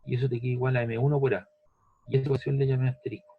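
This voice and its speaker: A man's voice: medium pitch, little pitch movement, racing, breathy edge, phone-quality sound. A man teaching a physics lesson step by step, patient, repeating each step and checking that the student follows. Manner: patient, repeats steps, asks "¿ves?" and "¿cierto?".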